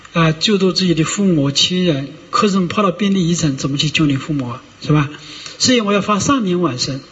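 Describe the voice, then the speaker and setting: A man, a Buddhist monk, giving a rambling sermon with drawn-out filler sounds and frequent rhetorical checks on his listeners. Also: on the high side. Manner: discursive, many drawn-out "ah" fillers and rhetorical "you know?" checks. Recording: dull lo-fi recording with long hall reverb.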